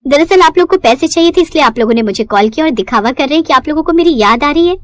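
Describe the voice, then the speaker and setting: A woman's voice: high-pitched, animated, fast talker, no echo. A woman voicing a young bride who speaks coldly and reproachfully to her greedy family. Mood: bitter. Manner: cold, reproachful.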